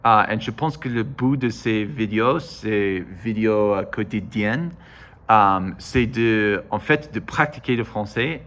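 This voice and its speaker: A man from the United States, a native English speaker with an American accent, talks casually in broken, halting learner's French, hesitating and correcting himself often. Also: fairly low pitch, pushed and bright. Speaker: vlogger. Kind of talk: casual monologue to camera.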